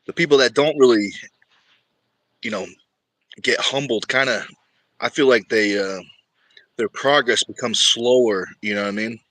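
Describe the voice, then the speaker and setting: An easygoing man hosts a casual livestream, chatting with viewers about arm wrestling. His medium-pitched voice is fairly bright, at normal speed with long pauses, and the recording is dry.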